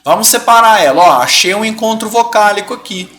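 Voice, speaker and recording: High, lively male Brazilian teacher. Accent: Brazilian Portuguese. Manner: explains step by step, keeps checking in with "tá bom?"; drawn-out example words. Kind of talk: live online grammar lesson.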